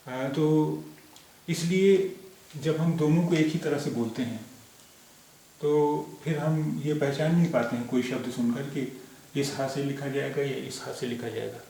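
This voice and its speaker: A man teaching a language lesson, explaining patiently and repeating each sound and example slowly. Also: medium pitch, creaky, dark tone. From India. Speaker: Urdu teacher. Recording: echoey room, distant mic, faint hiss.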